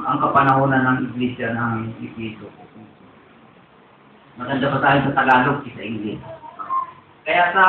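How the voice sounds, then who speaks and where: A man's voice: fairly high pitch, slight background noise. A man preaching in a church, telling a rambling personal testimony as a sermon. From Philippines. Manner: rambling storytelling. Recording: tinny echoey distant church recording.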